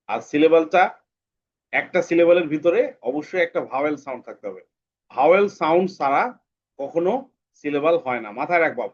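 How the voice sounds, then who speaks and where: Man teaching slowly, lo-fi sound. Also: fairly high pitch. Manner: patient, repeats words slowly syllable by syllable. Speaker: English teacher. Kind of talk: online class for children. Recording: dull lo-fi sound.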